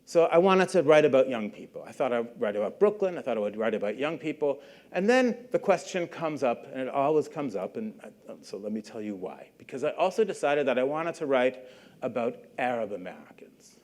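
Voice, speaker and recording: A middle-aged man from Canada giving a university lecture in a conversational way, often checking in with the audience with questions and a quick "right?". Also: mid-range voice, darkish tone. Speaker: guest lecturer.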